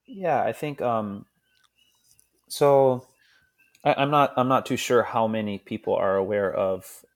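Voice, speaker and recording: A man's voice: medium pitch, unhurried. A man from Hawaii, a podcast guest, telling history in a casual, earnest way and acting out the people he quotes. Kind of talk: casual conversational storytelling.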